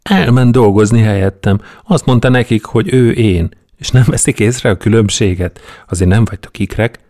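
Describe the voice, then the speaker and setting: Flustered, stammering man, read by a male storyteller, low-pitched. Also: darkish tone, no room sound, clean studio sound, lightly acted. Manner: hesitant, stammering. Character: flustered, awkward hungover man.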